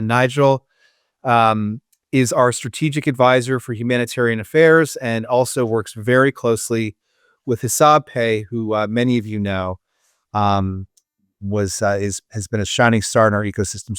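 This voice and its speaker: Male podcast host, clear voice, close dry mic, loose casual delivery with restarts. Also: medium pitch, fairly bright tone, dry recording. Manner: conversational, many fillers and restarts. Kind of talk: casual interview chat.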